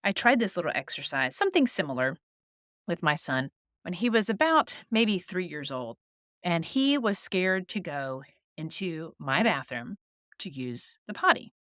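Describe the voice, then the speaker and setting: A woman hosting a faith-based advice podcast, talking in a calm, earnest, encouraging way with small laughs, recorded close on a mic. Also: lowish voice, unhurried, no echo. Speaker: podcast host.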